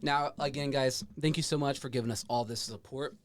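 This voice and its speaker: A man's voice: medium pitch, fairly even intonation, a little fast, no room sound. A man hosting a podcast with effusive, casual talk that repeats itself and slips into hyped announcing and swearing. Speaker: podcast host.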